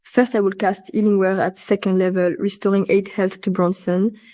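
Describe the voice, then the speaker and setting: A woman plays a bard in a tabletop game and narrates her character's actions plainly. Her voice is mid-pitched and warm. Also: flat delivery, moderate pace. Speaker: player. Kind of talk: tabletop role-play.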